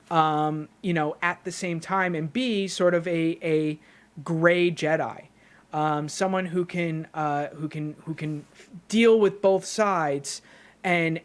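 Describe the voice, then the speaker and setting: Rambling solo podcast host. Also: medium pitch. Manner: rambling, thinks aloud while theorizing.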